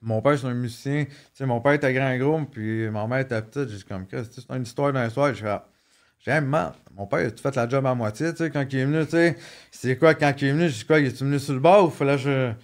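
Joking and restarting often with fillers, a podcast guest in his thirties tells personal stories in casual chat. He has a Quebec French accent and a mid-range voice, and he's a fast talker.

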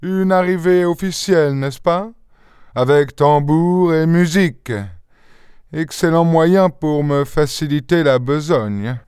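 A man's voice: a little high, animated, slow, no room sound, pitched above the performer's own voice. A man voicing a curt, grumbling English detective, speaking dryly in a raised voice. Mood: sec. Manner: curt, dry, gruff.

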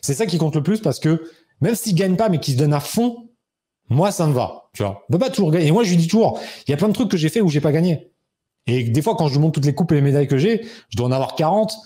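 Male guest, thirties, quick animated storyteller who acts out the dialogue. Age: 30s. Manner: animated, acts out quoted dialogue with raised pitch. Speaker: interview guest. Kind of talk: casual storytelling.

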